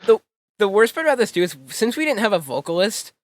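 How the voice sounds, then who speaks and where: A man's voice: sits high, sing-song, fast, no room sound. A young man chatting casually while reacting to an old video, rambling, correcting himself mid-sentence and laughing often. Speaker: channel host.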